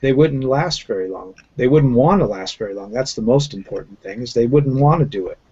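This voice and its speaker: A man's voice: mid-range voice, lively intonation, fairly quick, highs cut off, a crowd in the background. A male host giving blunt, opinionated remarks in a casual group chat over a video call. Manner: blunt, opinionated, laughs along.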